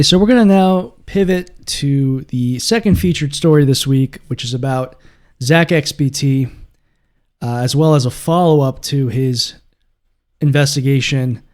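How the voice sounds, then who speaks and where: A man's voice: mid-range voice, a little mellow, smooth. A man hosting a solo podcast, talking casually and rambling with many fillers. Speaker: podcast host.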